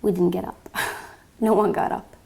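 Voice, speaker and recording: A young Bosnian woman gives personal testimony as an interviewee, speaking softly and reflectively with frequent fillers and pauses. Her mid-range voice has fairly even intonation and a gravelly fry at phrase endings.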